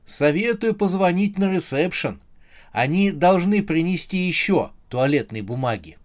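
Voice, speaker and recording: A man's voice: fairly high pitch, lively intonation, unhurried, pitched above the performer's own voice. A man voicing a timid, polite would-be hitman who speaks hesitantly, in an audiobook. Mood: helpful.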